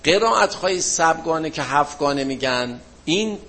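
A man teaching a religion class, answering students' questions in a relaxed, colloquial way and leaning on everyday examples. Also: fairly high pitch. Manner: closes with a chanted-style supplication.

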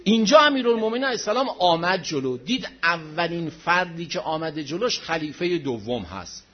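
A man preaching a dramatic religious story, rising to loud outcries and dropping to hushed low passages. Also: sing-song. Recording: dull lo-fi recording.

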